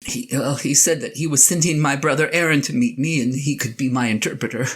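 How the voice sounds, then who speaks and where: A woman playing a flustered, reluctant Moses as an aging husband, halting and pleading in a conversational audio drama monologue. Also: rumbling low, husky. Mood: anxious, pleading. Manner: halting, stammering, pleading, sighing. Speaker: actor in a one-person audio drama. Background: guitar and piano music.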